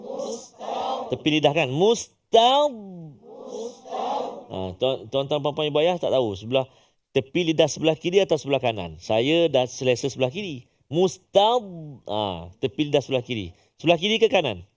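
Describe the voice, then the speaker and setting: A middle-aged man teaching Quran recitation, coaxing learners to repeat after him and chanting example words. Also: medium pitch. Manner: lively, coaxing, models recitation in drawn-out chant. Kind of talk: tajwid lesson with call-and-response practice.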